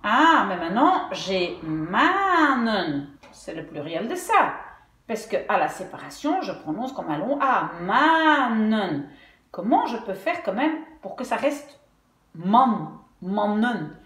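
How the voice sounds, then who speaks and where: At a whiteboard, a language teacher patiently explains Dutch spelling, sounding words out one syllable at a time. Her voice is medium in pitch, very animated, a little bright, and moves at a normal speed. The room has an echo.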